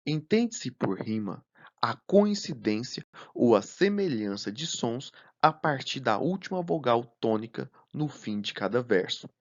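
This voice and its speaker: Slow, deliberate male teacher. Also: mid-range voice, sing-song, dull audio. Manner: slow and deliberate, counting syllables aloud. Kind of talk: recorded lesson narration.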